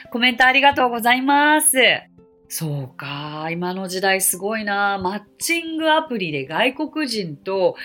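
A woman hosting a podcast as an English teacher, answering listener mail in a polite, chatty way and repeating English phrases slowly for practice. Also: mid-range voice, bright, forceful tone.

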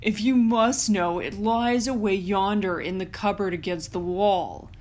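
A woman voicing a huge male giant from a fairy tale, blustering and gruff, with loud, drawn-out exclamations. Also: mid-range voice, lightly acted. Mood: confiding.

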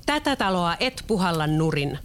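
A storyteller voicing a wise, hardworking little pig in a storybook read-aloud, calm and scolding. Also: medium pitch, a little hiss or hum. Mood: self-assured. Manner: calm, scolding, self-assured.

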